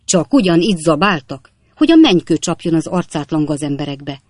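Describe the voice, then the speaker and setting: A woman's voice: low-pitched, lively intonation, dry recording, studio quality. A woman reading aloud and voicing a pompous, bullying landowner captain who barks orders at his gardeners. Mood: raging. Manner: barking, bullying commands. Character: pompous blustering male landowner captain, middle-aged.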